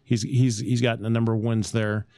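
A man co-hosting a casual sports podcast, rambling with many restarts and pauses to recall names. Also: mid-range voice, level tone, dark tone, no echo. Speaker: podcast co-host.

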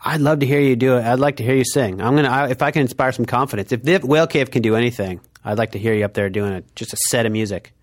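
A man's voice: mid-range voice, rapid-fire, hardly any pauses. Male host, casual chat, drops dry jokes between questions. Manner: joking, wry asides. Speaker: podcast host. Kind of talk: casual podcast conversation.

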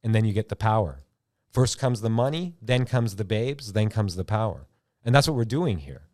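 A man from Iran with a lowish voice tells rambling, slangy stories as host of a casual YouTube chat show, swearing freely and saying "like" often in an animated way. He talks at normal speed, and the clean studio sound has no echo.

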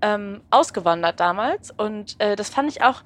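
A woman's voice: mid-range voice, animated, normal speed, fairly bright tone. A woman from Berlin hosting a podcast, chatting casually on a train and affirming her guest often. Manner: talkative, chatty, lots of affirming "ja". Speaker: podcast host. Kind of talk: casual conversation.

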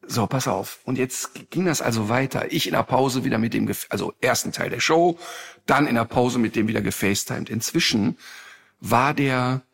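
A man's voice: medium pitch, gravelly, slightly rough. A man hosting a podcast, telling a story casually and with animation, often dropping a "ne?" as he goes. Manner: animated, drawn-out storyteller with frequent "ne?". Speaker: podcast host.

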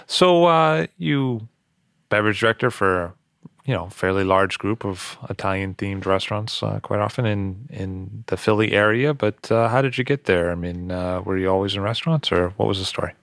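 A man's voice: lowish voice, moderate pace, gravelly, a bit bright, no room sound, clean studio sound. A man hosting a podcast interview, chatting casually and cracking playful jokes. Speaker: podcast host.

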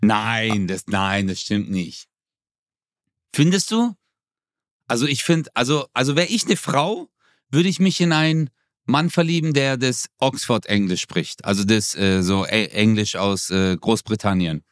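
A man's voice: lowish voice, unhurried, no echo, studio quality. A man co-hosting a podcast in casual chat, joking around and slipping into mock English voices. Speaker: podcast co-host.

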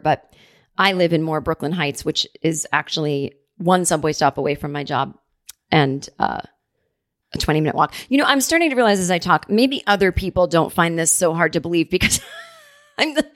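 A woman's voice: fairly low pitch, dry recording, clean studio sound. A woman hosting a podcast from home, chatting casually and rambling with frequent laughs. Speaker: podcast host. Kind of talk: casual chat.

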